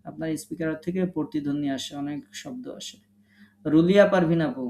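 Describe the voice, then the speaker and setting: A man with a Bangladeshi Bengali accent teaching a live online Quran recitation class. He patiently corrects students one by one, drawing out sounds slowly and repeating them. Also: on the high side, gravelly, a little mellow. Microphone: online class call.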